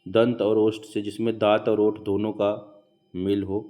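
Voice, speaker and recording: Slow, low-voiced Hindi teacher. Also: male voice, level tone, mellow, soft background music. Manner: slow, repeats mnemonics aloud. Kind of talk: exam prep lecture.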